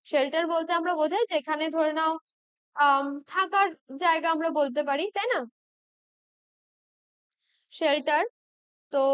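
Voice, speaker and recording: A woman's voice: high-pitched, fairly bright tone, no room sound. A woman teaching English exam practice questions, checking in with tag questions and spelling words out letter by letter.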